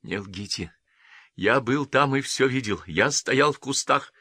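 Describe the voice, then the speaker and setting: A man voicing a hot-headed young lieutenant bent on revenge, speaking hoarse and clipped in an audiobook. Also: mid-range voice, animated, measured pace, bright, forceful tone, no echo, studio quality, pitched above the performer's own voice, full character voice. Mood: anguished.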